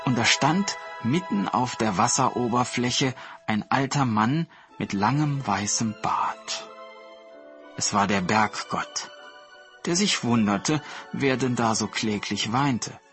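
A man reading a fairy tale aloud in a calm, storybook narration style. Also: mid-range voice, slow, faint music behind.

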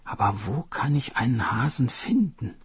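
A man's voice: medium pitch, very animated, normal speed, slightly rough, dry recording, pitched above the performer's own voice. A man voicing a loyal, eager female sea turtle who is earnest and full of wonder. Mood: amazed.

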